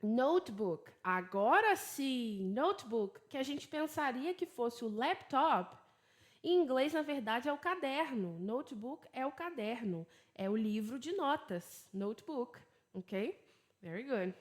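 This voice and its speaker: A Brazilian woman with a fairly high voice teaches English over her laptop. Her English leans American, and she speaks Portuguese as her first language. She takes her time, drilling vocabulary slowly and with care before explaining it in friendly Portuguese asides. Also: sing-song. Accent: American-leaning English. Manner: drills words slowly, then explains in quick chatty Portuguese; laughs at her own slips.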